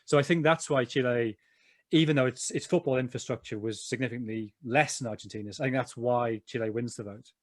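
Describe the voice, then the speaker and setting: A man's voice: medium pitch, brisk, no room sound, clean studio sound. A man co-hosting a podcast, explaining points in a precise way. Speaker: podcast co-host, football writer. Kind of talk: podcast conversation.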